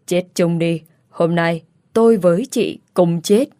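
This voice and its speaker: Woman reading a bitter young woman in a storybook: sneering, low-pitched, dry close sound. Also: measured pace, mellow, no echo, close to an everyday voice. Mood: unhinged. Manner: sneering, taunting. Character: bitter vengeful young woman, mocking and unhinged.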